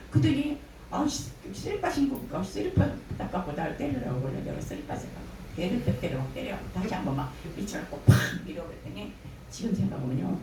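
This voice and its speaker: An older woman giving a spoken church testimony, telling her story with lively storytelling and acting out the words of others. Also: medium pitch. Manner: animated storytelling, acting out quoted dialogue. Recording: echoey room from a distance, faint noise.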